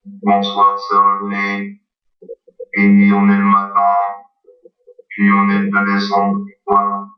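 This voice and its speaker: A man's voice: lowish voice, monotone, slow, long pauses. A man speaking short greetings through a vocoder robot voice effect. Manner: short greeting test phrases. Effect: vocoder robot voice filter. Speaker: software tutorial demonstrator. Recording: dull lo-fi audio with loud guitar music.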